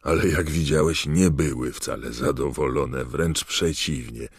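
Brisk young dragon keeper in an audiobook, a man reading him, very deep, dry sound. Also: slightly rough, no echo, full character voice. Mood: explaining.

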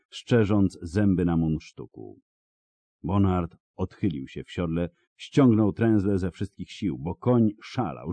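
Deep, dark-voiced male audiobook narrator. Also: no echo. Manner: dramatic, expressive storytelling.

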